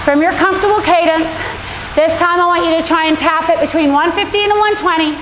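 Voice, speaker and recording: A woman indoor cycling coach, speaking a little fast in a very high voice with fairly even intonation, calls out encouraging cues and countdowns. The background is noisy, and workout music plays in the echoey room.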